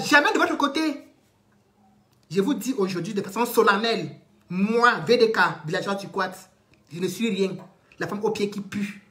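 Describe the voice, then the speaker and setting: A woman, ranting defiantly on a live stream, repeating herself and swinging from loud declarations to low muttered threats. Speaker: online commentator. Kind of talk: impassioned live-stream rant.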